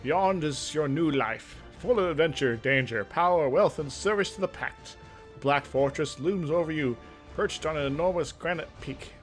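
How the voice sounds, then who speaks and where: Faint music plays behind a man whose voice sits a little high and moves at normal speed. As host of a gaming video, he narrates a fantasy game with theatrical flair and interrupts himself with casual asides.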